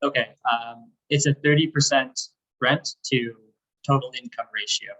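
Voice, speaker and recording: A man's voice: medium pitch, steady tone, normal speed, sharp tone, distant mic. A man from a design team answering questions on a video call with a faulty mic. He sounds muffled and hollow, as if inside a fishbowl, and talks hesitantly with many fillers. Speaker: design team member presenting. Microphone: faulty video call microphone. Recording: dull, muffled lo-fi call audio.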